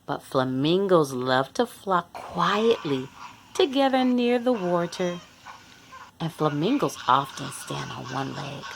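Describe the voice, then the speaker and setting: The host of a children's read-along, a woman with a low, creaky voice, reads a picture book slowly with big pitch swings. She speaks straight to the young listeners, acts out the animals' sounds and reads expressively, over slight hiss or hum.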